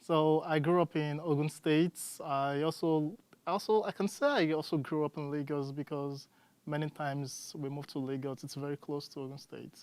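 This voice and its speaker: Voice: medium pitch, fairly even intonation, moderate pace, darkish tone, smooth, no room sound. A student from Nigeria with a Nigerian accent, chatting as an interview guest and telling stories. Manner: chatty, storytelling. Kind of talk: casual interview answers.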